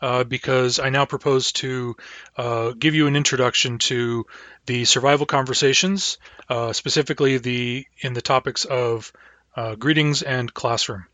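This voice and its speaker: A man teaching a language class online, talking in a halting way with frequent fillers. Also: medium pitch, fairly even intonation, bright, forceful tone, dry recording.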